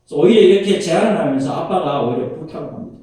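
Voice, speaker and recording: A man telling a story in a spoken, animated way, recorded in an echoey room far from the mic. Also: fairly high pitch, rapid-fire. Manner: animated, varies his delivery and acts out quoted voices.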